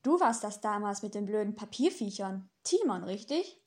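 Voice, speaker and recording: A woman's voice: mid-range voice, lively intonation, normal speed, a little mellow, close to an everyday voice. A woman reading as a sarcastic male demon in an audiobook. He talks dry and mocking, with a sneer under every line. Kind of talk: audiobook dialogue.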